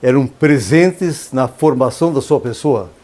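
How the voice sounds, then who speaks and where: A man hosting an interview from a radio studio, his voice at a middle pitch. He speaks formally and ceremoniously, and his praise comes out flowery and elaborate. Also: unhurried, a little mellow. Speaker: radio interview host, professor.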